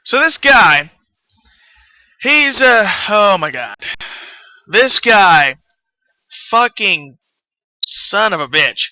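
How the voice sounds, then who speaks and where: A man's voice: sits high, very animated, very slow, pauses often, sharp tone, no echo, low-quality recording. A young man with a Southern US accent telling a story on a stream while he plays, rambling, swearing and losing his thread. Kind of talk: casual storytelling while gaming.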